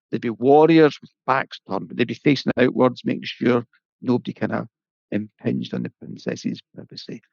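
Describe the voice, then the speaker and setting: A man's voice: mid-range voice, vocal fry, no room sound, muffled recording. A man with an Irish accent telling a folk tale aloud in a chatty, folksy way, with asides to the listener. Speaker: storyteller. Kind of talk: oral storytelling.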